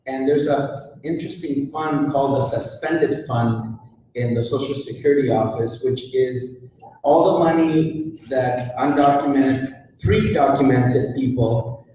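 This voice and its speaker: A man's voice: mid-range voice, mellow, a little hiss or hum. A man advocating fluently and persuasively in a public comment at a meeting. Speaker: community advocate. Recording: echoey hall from far off.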